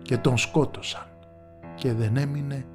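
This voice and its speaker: A man's voice: medium pitch, steady tone, soft background music. A man narrating a folk tale with rhythmic, repeated phrases. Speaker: storyteller.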